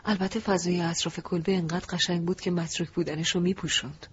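A man narrating a first-person audiobook in a soft, reflective, emotive way. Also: sits high, little pitch movement, husky. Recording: dull lo-fi recording.

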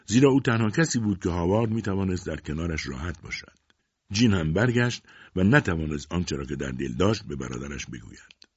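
Deep, husky man narrating a story. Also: sing-song, no echo, muffled recording.

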